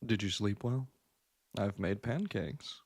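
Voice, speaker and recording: An actor playing a charming, teasing doctor who appears as a fantasy boyfriend, with a warm, playful and grumbly manner. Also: male voice, fairly low pitch, slow pace, heavily acted. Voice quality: grumbly, gravelly. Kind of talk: short film drama.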